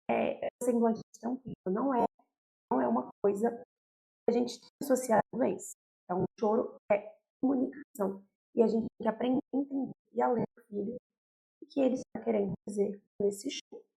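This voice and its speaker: A woman's voice: on the high side, gravelly, warm tone, low-quality recording. A young Brazilian woman pediatrician explaining baby care to parents in a direct, explanatory way, often checking in with "tá?" and "né?". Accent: Brazilian Portuguese. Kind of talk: educational talk to parents.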